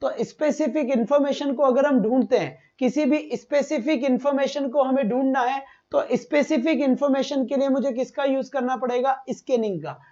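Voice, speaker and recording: A man teaches a live online exam-prep class, firing quick questions at his students, repeating each point and calling them "beta". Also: extremely high pitch, fairly even intonation, warm tone, dull audio.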